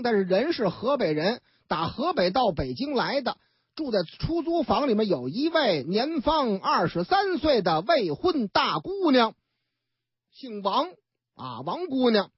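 A woman's voice: on the high side, big pitch swings, measured pace, slightly rough, no echo, lo-fi sound. A woman retelling news stories in a chatty, colloquial broadcast storytelling style.

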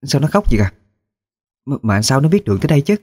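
A man voicing a curious young granddaughter who asks eager, quick questions. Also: mid-range voice, lively intonation, mellow, voice pushed up, lightly acted. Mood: alarmed.

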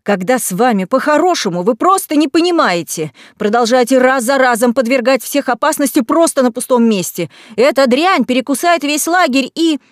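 A man's voice: sits high, normal speed, smooth, dry recording, studio quality, close to an everyday voice. Woman reading as Narcissus, stern guardian. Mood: furious. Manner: cold, menacing, then shouting. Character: stern weary male camp guardian, quick-tempered.

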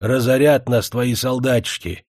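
A man's voice: medium pitch, fairly even intonation, unhurried, a little mellow, no room sound, studio quality, close to an everyday voice. A man reading an indignant old village elder. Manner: indignant, pleading.

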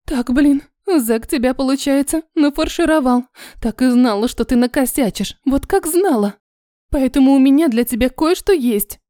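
A woman's voice: high-pitched, normal speed, mellow, no room sound, clean studio sound, natural voice. A woman voicing a brash, bossy girlfriend. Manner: bossy and crude. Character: brash, blunt young woman friend. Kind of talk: audiobook character voice.

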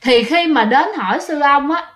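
A woman's voice: high voice, lively intonation, moderate pace, fairly bright tone, reverberant. Chatty woman telling ghost tales. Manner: chatty, addresses listeners directly, many fillers. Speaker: ghost story narrator. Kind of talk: casual spoken storytelling.

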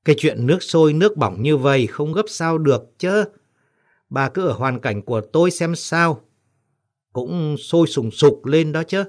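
A man's voice: fairly high pitch, lively intonation, moderate pace, voice pushed up, close to an everyday voice. A man voicing a hasty, worried middle-aged village husband in an audiobook story. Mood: urgent.

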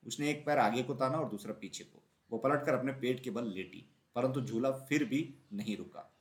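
A man's voice: medium pitch, moderate pace. Man reading a children's story. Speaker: narrator.

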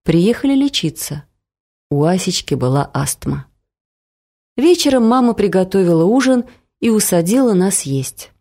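Mellow, lively woman audiobook narrator. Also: mid-range voice, normal speed. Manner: expressive first-person storytelling.

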